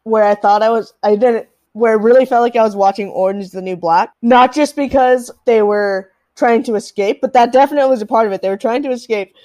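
A young woman co-hosts a podcast, casually discussing films, agreeing a lot, laughing easily, and chiming in often in a giggly way. Her voice is a little high with a dark tone, brisk with few pauses, and has no room sound.

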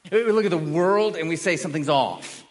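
This middle-aged pastor speaks at a fairly high pitch and a normal speed, delivering a conversational sermon to a congregation in a large room. He earnestly explains his points, often repeating and restarting words, and a long hall reverb trails his voice.

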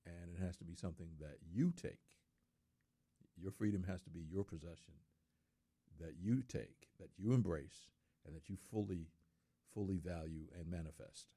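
A man's voice: deep voice, normal speed, mellow, no echo. A middle-aged man in casual studio talk, speaking earnestly and repeating words for emphasis.

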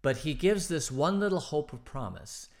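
A man's voice: a little high, big pitch swings, moderate pace. Man, bible study teacher, conversational, fillers and restarts, acts out quoted lines. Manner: conversational, thinking aloud with many fillers and restarts.

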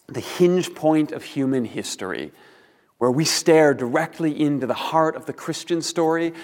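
A man preaching a sermon as a pastor, speaking in deliberate, earnest phrases with rhetorical pauses, in a large empty room. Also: mid-range voice, a little mellow. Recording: reverberant empty hall.

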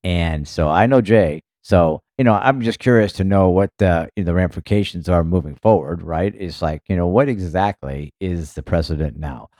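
A low, dark-toned man talks casually on a podcast. He rambles and leans on "you know" constantly. His voice sounds dry and close, with no room echo. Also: normal speed, few pauses. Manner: rambling, filler-heavy, many "you know"s. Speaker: podcast co-host, former racing team member.

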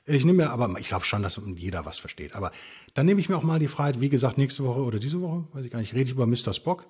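A man with a mid-range, husky voice and darkish tone talks fast with lively intonation. He is a podcast guest and stoicism author, explaining ideas in an emphatic, conversational interview style full of rhetorical questions.

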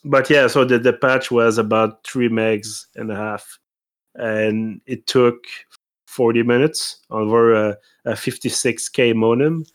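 A man co-hosting a podcast in casual chat, thinking aloud with frequent pauses. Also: mid-range voice, steady tone. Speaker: podcast co-host.

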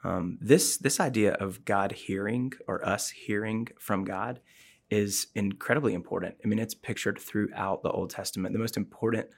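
A man's voice: fairly low pitch, normal speed, vocal fry, husky. A man hosting a casual Bible discussion, explaining the passage in an earnest, thoughtful way. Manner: earnest, explanatory, often says "um" and "like". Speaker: podcast host discussing the Bible.

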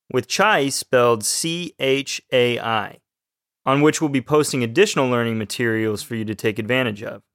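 A man from Texas, co-hosting a scripted language podcast as the student and reading his lines in an even delivery. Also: mid-range voice, no echo, clean studio sound. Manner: even, read-aloud delivery. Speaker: student co-host.

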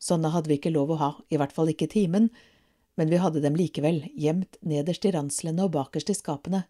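Brief: calm storybook reader, woman with a low, mellow voice. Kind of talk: storybook reading.

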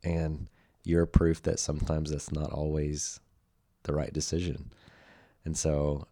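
Very deep-voiced, reflective male podcast host. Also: level tone, unhurried, dark tone. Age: adult with a young son. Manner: reflective, searching for words. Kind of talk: podcast interview.

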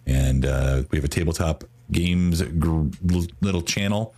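A man's voice: rumbling low, measured pace, mellow. A man co-hosting a casual podcast chat, easygoing and self-deprecating as he talks to his audience. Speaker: co-host.

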